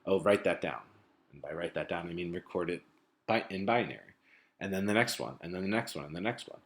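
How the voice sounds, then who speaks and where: A man teaching a recorded lecture into a laptop microphone, talking casually with many ums and restarts. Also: sits low.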